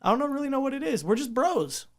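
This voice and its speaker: A man's voice: very high-pitched, sing-song, fast talker. A man from the Bay Area who works as a radio personality, talking in a rambling, easygoing and self-mocking way on a podcast. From San Francisco Bay Area. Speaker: radio co-host. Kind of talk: casual podcast chat.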